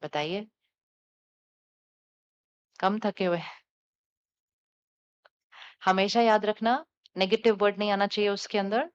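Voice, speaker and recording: A woman spiritual teacher giving a calm, coaxing talk to a live audience, putting questions to the listeners and repeating affirmations. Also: medium pitch, slow pace, pauses often, clear, resonant tone. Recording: dull lo-fi sound.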